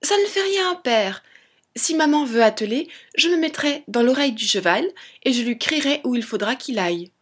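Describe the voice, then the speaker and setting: A woman voicing a tiny, clever, bold boy hero in a storybook reading, calling out in a high, eager voice. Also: lively intonation, moderate pace, a bit bright, slightly rough, exaggerated voice.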